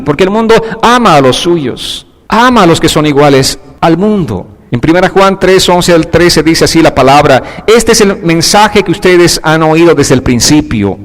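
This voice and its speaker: High-voiced preaching man in a hall. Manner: swings between quiet low passages and raised, emphatic preaching. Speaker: pastor. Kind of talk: sermon.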